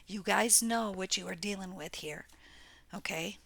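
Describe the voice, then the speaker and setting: A woman's voice: mid-range voice, a little slow, gravelly, fairly bright tone, no echo. Woman doing a tarot reading at home, blunt, exclaiming, cusses a bit. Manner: blunt, exclaiming, scolds viewers with profanity. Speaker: tarot reader. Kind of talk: casual tarot reading monologue. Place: home room near a window.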